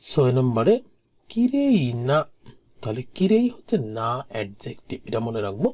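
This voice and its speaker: A language teacher giving a recorded exam-prep lesson, patiently repeating each word slowly and sometimes dropping to a soft murmur. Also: medium pitch, very animated.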